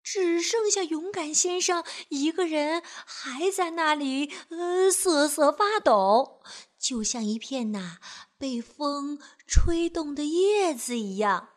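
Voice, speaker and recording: High-voiced woman reading a kids' story. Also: slow. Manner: gentle, expressive read-aloud. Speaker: children's storyteller. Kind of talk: reading a picture book aloud to children.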